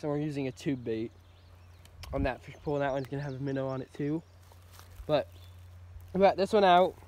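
A man vlogging while fishing outdoors by a pond, talking casually and a little mumbled from the sunflower seeds in his mouth. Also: a little high. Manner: rambling, chatty. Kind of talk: casual chat to camera.

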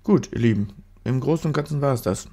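A man fighting a cold, his nose stuffy, talks casually through a photo-editing walkthrough, drifting and self-correcting as he goes. Through the studio mic his medium-pitched voice comes across a little fast, dark and breathy, with vocal fry.

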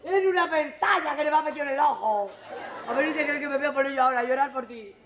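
A high-pitched, slightly bright female voice with a roomy, dull sound, a faint crowd and slight background noise comes from a 1980s television recording of a theater stage comedy, with audience laughter. The lead actress of a stage revue plays a luckless jilted woman, comic yet heartbroken, joking bravely. Her quick comic asides turn into tearful pleading before the live audience.

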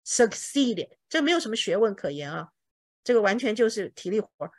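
Animated woman teacher drilling pronunciation. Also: medium pitch, breathy edge, dry recording, studio quality. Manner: drills pronunciation by slowly repeating words; explains patiently with homely comparisons. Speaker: English teacher. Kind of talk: language lesson.

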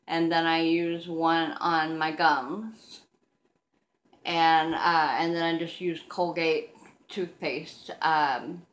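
Low-voiced toothless woman, slow and hesitant. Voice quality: toothless speech, soft slurred articulation without teeth or dentures. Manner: hesitant, self-conscious. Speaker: vlogger. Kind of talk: casual talk to camera. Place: living room, seated on a couch indoors. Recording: roomy, echoing home recording.

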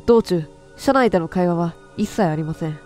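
A woman's voice: lowish voice, lively intonation, moderate pace, darkish tone, soft background music. A woman playing a horror game and reading its stories aloud, chatty, quipping at herself and stumbling over words as she goes. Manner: chatty, talks to herself and quips at the text; frequent self-corrections and stumbles while reading. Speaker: game streamer.

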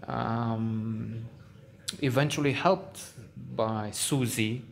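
A man's voice: mid-range voice, steady tone, drawn-out words, vocal fry. A man giving a casual spoken film review, hesitant, with many fillers and restarts, now and then getting worked up.

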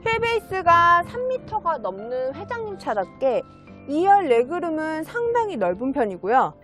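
A woman's voice: high voice, very animated, normal speed, a bit bright, soft background music. A woman used car dealer giving a polished, polite, promotional sales narration as she presents a car.

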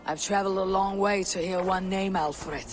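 Eivor, husky stoic Viking warrior woman acting. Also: mid-range voice, fairly even intonation, moderate pace, background noise, close to an everyday voice. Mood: wry, probing. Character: stoic, proud female Viking warrior, wry and probing. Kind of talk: video game cutscene acting. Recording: music behind the voice.

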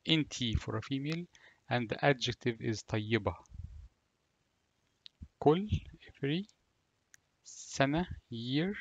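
A male language teacher with an Egyptian Arabic accent explains phrases deliberately, word by word. His voice sits at an average male pitch. The recording is dry and somewhat muffled. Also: dry recording. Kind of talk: language lesson, slow explanation with repeated phrases.

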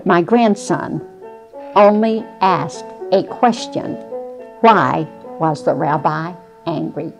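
A woman's voice: lowish voice, slow pace, creaky, faint music behind. A woman voicing a protective old grandfather who speaks out in alarm. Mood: puzzled. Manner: alarmed and pleading.

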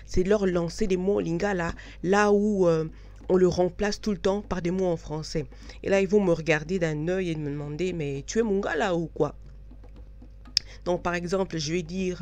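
A woman's voice: on the low side, a little mellow. Frank chatty woman. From Belgium. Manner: frank, chatty, many hesitations. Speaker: vlogger. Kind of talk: casual talk to camera.

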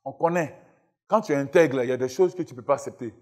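A man's voice: mid-range voice, quick pace, darkish tone. A man of thirty-five from Burkina Faso, a football player and talk show guest, speaking emphatically and repeating himself to make his point. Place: television studio with live audience.

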